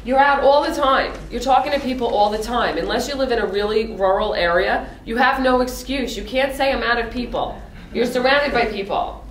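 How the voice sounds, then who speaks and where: A woman speaking on a panel, direct and lively, often laughing as she talks. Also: sits high, a little hiss or hum. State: lozenge in mouth. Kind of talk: panel discussion talk. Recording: echoey room from far off.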